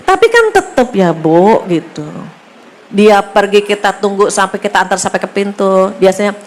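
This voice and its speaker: A middle-aged woman giving a sermon to women, chatty and lively, often turning to her listeners and acting out little dialogues. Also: mid-range voice, normal speed. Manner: acts out dialogue in shifting voices. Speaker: religious teacher.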